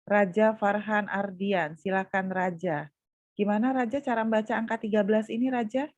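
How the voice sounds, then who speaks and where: A woman's voice: medium pitch, steady tone, normal speed, darkish tone, no room sound, dull audio. A woman university lecturer teaching statistics over a video call, calling on students by name and patiently prompting them to answer.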